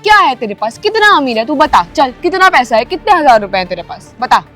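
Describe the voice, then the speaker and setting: Brief: young woman, high voice, haughty and insulting, faint music underneath. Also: big pitch swings, brisk. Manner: scornful, insulting, shouting. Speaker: arrogant rich girl in a short film. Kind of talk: scripted dramatic acting.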